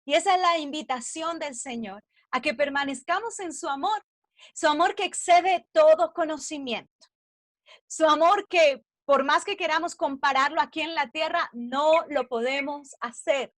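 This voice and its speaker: Earnest high-voiced woman preacher. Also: moderate pace, a bit bright, no room sound, clean studio sound. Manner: earnest, personal testimony woven into preaching; asks the listeners questions. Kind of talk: devotional teaching to women.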